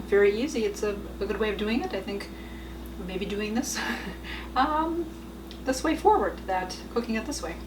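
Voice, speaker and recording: A woman's voice: mid-range voice, noisy background. A middle-aged woman chatting casually through a cooking demonstration in her home kitchen, rambling a little with fillers and small laughs. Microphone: camera mic at some distance. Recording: roomy kitchen, voice a bit far off.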